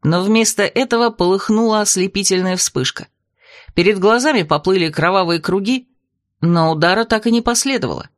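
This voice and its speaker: A woman narrating a fantasy audiobook in the first person, in a lively, wry manner. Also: mid-range voice, a little fast, dry recording, clean studio sound.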